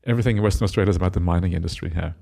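A middle-aged monk from Norway gives a Dhamma talk in a low voice with a gravelly edge. His delivery is reflective and unhurried. He keeps checking in with listeners through a soft "eh?". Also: a little hiss or hum. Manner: reflective, tags lines with a questioning "eh?"; gentle laughter, hesitant fillers. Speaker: Buddhist monk teacher.

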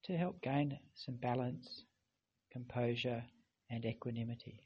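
A man narrating a guided meditation in a calm, gentle, unhurried way with long pauses and a husky, gravelly voice. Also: medium pitch, dull audio, a little hiss or hum.

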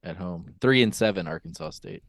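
A man's voice: low voice, lively intonation, fairly quick, gravelly, no echo, studio quality. A man on a sports podcast panel, chatting casually and unscripted, thinking aloud as he goes.

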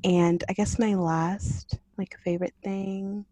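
A woman's voice: medium pitch, fairly even intonation, slow pace, dark tone, no room sound. A woman in her twenties, born in Jamaica, talking casually as a podcast guest with many fillers and easy laughs. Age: 20s. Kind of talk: casual interview.

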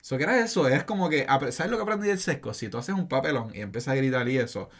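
A man's voice: medium pitch, animated, fast talker, fairly bright tone. A young man, casually telling a story on a podcast in a slangy, rambling way full of fillers. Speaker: podcast co-host.

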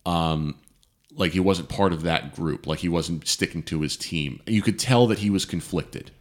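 A man's voice: sits low, moderate pace. A man in his thirties co-hosting a casual chat show, talking emphatically with many fillers and restarts. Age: 30s. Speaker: podcast co-host.

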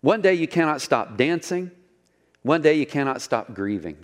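A man's voice: a little high, big pitch swings, normal speed. A man preaching a sermon in a conversational way, with asides to the congregation and rhetorical questions. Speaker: pastor.

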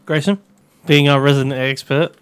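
A man's voice: fairly high pitch, steady tone, moderate pace, clean tone. A man co-hosting a podcast, joking around in casual chat. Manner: jokey, puts on silly voices. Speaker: podcast co-host.

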